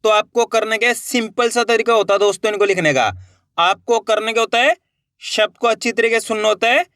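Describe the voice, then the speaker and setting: A man's voice: high voice, a little fast, sharp tone, no echo, studio quality. A man teaching a reading lesson, spelling each word out syllable by syllable and then joining the sounds into the whole word. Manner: spells words out one syllable at a time, then blends them.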